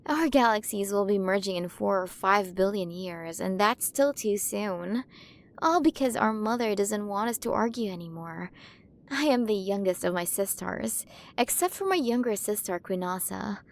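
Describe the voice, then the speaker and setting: This time the woman voicing the curious, playful alien queen in an ASMR roleplay sounds chatty and confiding as she coaxes the listener with fascination. Her medium-pitched, animated delivery runs at normal speed and stays close to an everyday voice.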